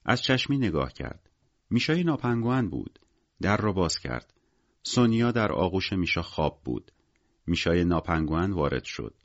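A man reads a novel aloud in a measured, expressive storytelling manner. His voice is very deep, but his pitch rises and falls in a lively way. The recording sounds dull and slightly lo-fi. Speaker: narrator. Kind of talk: scripted audiobook narration.

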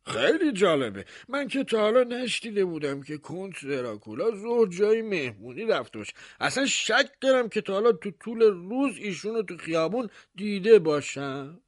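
A man voicing a pompous, nosy male village mayor in a high, mocking voice. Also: sing-song, hardly any pauses, dry recording, clean studio sound.

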